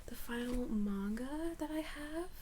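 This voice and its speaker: A young woman in an ASMR role-play as a librarian, speaking in a soft, halting soft voice. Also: a little high, slight background noise. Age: young adult. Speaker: ASMR creator playing a librarian.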